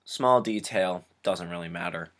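A man's voice: low-pitched, unhurried, fairly bright tone. A young man reviewing a film casually, rambling and sarcastic with many restarts.

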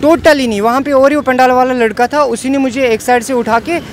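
A young man with a Kashmiri accent tells his story in an earnest, pleading way, often repeating himself. His voice sits high for a man. Faint street traffic hums behind him outdoors. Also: fairly even intonation, brisk. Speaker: interviewee, assault victim. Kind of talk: emotional eyewitness account.

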